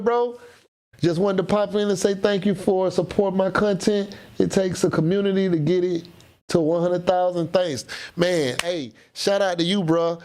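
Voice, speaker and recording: Livestream host, man from Florida, relaxed and slangy, slightly high voice, talks straight to viewers. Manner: laid-back, slangy, reads out chat comments. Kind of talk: casual live stream chat with viewers.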